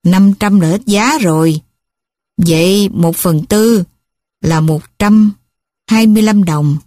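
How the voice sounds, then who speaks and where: A woman's voice: mid-range voice, slow, mellow, dry recording, studio quality, natural voice. A woman voicing a complaining, stingy male blood buyer in an audiobook story, grumbling.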